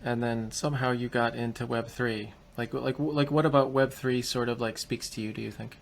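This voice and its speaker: A man's voice: medium pitch, steady tone, moderate pace, creaky, a little hiss or hum. A man hosting a podcast, asking casual, rambling questions. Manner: conversational, rambling questions with restarts. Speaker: podcast host. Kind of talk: casual interview.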